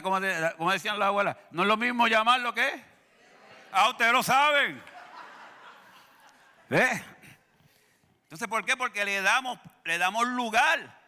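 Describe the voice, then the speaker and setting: High bright-voiced male pastor preaching. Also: big-room sound. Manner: humorous, calls out to the congregation. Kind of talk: sermon. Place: church sanctuary.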